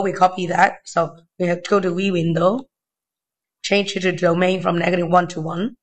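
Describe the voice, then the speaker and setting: A man with a thin, weak, unwell voice tutoring step by step in halting, short phrases, informally. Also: high-pitched, a bit bright. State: unwell, weakened voice. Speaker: maths tutor. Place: indoors at a desk.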